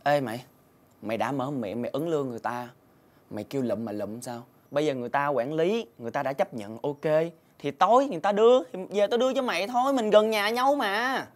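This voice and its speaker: A man's voice: fairly high pitch, fairly quick, natural voice. A young man, playing a hard-up student who defends himself in a quarrel, with music underneath. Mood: defensive. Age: young adult. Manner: pleading, then heated and shouting. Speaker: student and part-time worker. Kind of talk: web sitcom acting.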